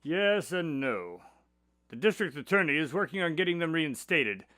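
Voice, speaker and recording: A man plays a detective's doctor companion in a radio drama. He recounts cases conversationally, with varied intonation and a slightly high pitch. The recording is dry. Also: big pitch swings, normal speed, sharp tone, no echo.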